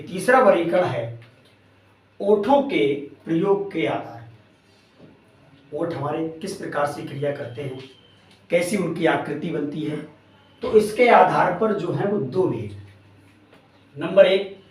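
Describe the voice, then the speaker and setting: A man's voice: a little high, animated, unhurried, long pauses. A man teaching a grammar lesson, repeating key terms as questions to his students and calling them friends. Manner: addresses students warmly as friends. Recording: very echoey room, voice far from mic.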